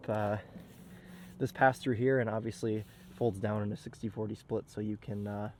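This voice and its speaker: Stuffy and slightly nasal from a cold, this young man's fairly low, darkish voice comes with a little hiss or hum as he gives a casual car walkaround review. He chats upbeat and uses plenty of fillers, first out in a parking lot, then from inside the car.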